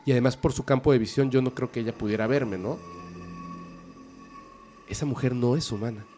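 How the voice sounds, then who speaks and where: A man recounts a strange encounter, speaking animatedly at a middle pitch. Music plays clearly beneath his voice. He keeps checking that the listener is following along. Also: fairly quick, dark tone. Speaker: guest storyteller. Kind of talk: conversational storytelling. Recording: music playing under the voice.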